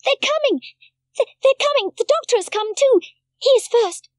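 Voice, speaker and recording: A woman voicing Heidi, an eager, excitable little girl in a storybook reading, calling out breathlessly. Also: very high voice, brisk, dry recording, voice pushed up. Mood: excited calling.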